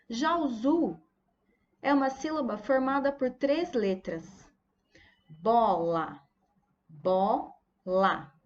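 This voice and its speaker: Patient woman teacher enunciating slowly. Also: a little high, dull audio. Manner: slow, deliberate syllable-by-syllable enunciation; patient, addressing children directly. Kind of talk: primary school video lesson.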